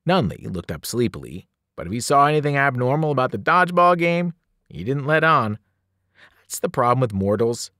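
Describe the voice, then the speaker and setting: A man, a teacher, reading a novel aloud in an animated storytelling voice, rising and falling with the action. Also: moderate pace, dry recording, clean studio sound. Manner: animated storytelling, shifting pitch and loudness with the action. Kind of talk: expressive read-aloud narration.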